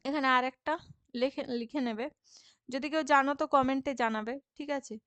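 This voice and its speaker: A woman teacher patiently explaining a textbook lesson, checking in often and sounding out syllables slowly. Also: high voice, steady tone, fairly bright tone, clear, resonant tone, dry recording. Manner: patient, checks understanding with frequent "okay?".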